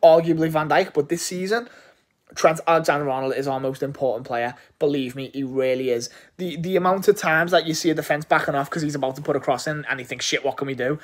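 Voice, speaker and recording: Male football fan from England, excitable and rambling, slightly high voice, casual match reaction. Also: fast talker. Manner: enthusiastic, rambling, frequent swearing and restarts.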